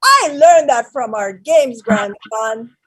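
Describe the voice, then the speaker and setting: A fierce old grandmother, played by an actress on stage, her voice set high and swinging wildly up and down. She talks in slow, broken English, with bursts of shouting that drop into hushed murmurs. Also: animated, slightly rough, heavily acted, low-quality recording. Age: older. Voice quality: broken English, shifting between shouts and whispers. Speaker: actor. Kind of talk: live-streamed stage play.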